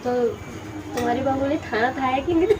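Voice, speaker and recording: Giggly high-voiced young woman. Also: a little fast. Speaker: friend, prank target. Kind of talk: casual chat. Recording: distant mic, noisy background.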